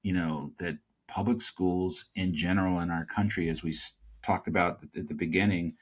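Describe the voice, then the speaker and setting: A man hosting a podcast interview, asking long, halting questions with many fillers. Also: low voice, fairly even intonation. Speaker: podcast host.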